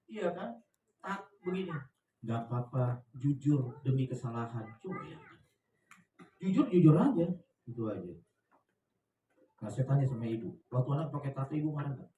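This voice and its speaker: A man's voice: sits high, lively intonation, a little fast, pauses often, dark tone, reverberant, far from the mic, slight background noise, rough recording. A man preaching as a pastor in a church, chatty and joking, with slangy asides and laughter. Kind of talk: lively conversational sermon.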